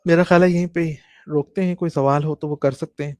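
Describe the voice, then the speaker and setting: High-voiced man teaching a religious lesson. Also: fairly even intonation, a little mellow, dry recording, clean studio sound. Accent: Pakistani Urdu. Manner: explanatory, demonstrates recitation, repeats points. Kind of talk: classroom lesson on call-to-prayer rules.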